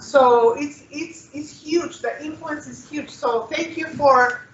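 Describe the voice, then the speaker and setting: A woman's voice: sits high, slow, slight background noise. A woman from Peru gives an earnest talk to an audience as a cultural anthropologist, often restarting and checking in with "right?". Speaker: guest speaker, cultural anthropologist. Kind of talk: presentation to an audience. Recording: dull, roomy, distant recording.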